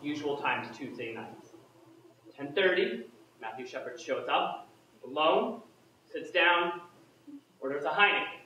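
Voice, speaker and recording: An actor playing a young bartender, recounting events in clipped, step-by-step phrases. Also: male voice, fairly high pitch, animated, measured pace, pauses often, sharp tone. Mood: matter-of-fact. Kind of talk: theatre monologue. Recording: echoey stage from far off, faint hiss.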